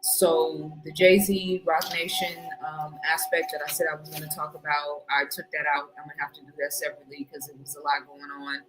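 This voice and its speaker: Laid-back woman, livestream host, lowish voice, chatty greeter. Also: flat delivery, brisk, few pauses, poor audio. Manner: laid-back, greets chat viewers warmly by name. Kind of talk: casual livestream chat.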